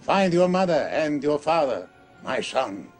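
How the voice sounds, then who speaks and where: A man's voice: a little high, big pitch swings, unhurried, faint music behind. An actor playing an old grandfather who appears as a mock-solemn mentor in a comedy film. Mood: theatrical. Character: cranky old male grandfather, mystic mentor.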